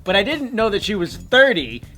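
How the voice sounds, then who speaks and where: High-pitched man giving news commentary. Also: very animated, moderate pace, bright, forceful tone. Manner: emphatic, opinionated. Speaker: co-host of a Korean pop culture news show. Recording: faint music behind the voice. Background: faint music.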